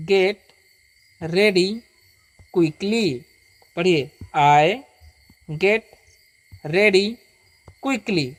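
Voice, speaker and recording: A patient teacher giving a beginner reading lesson. The teacher reads English words slowly, one at a time, for the listener to repeat, and keeps checking that the listener follows. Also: mid-range voice, fairly bright tone, no echo.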